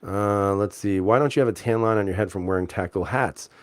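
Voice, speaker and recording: A man reads his livestream's chat aloud and answers the comments casually, chuckling, with many fillers and restarts. His voice is lowish, brisk, clear, and resonant, recorded with no echo.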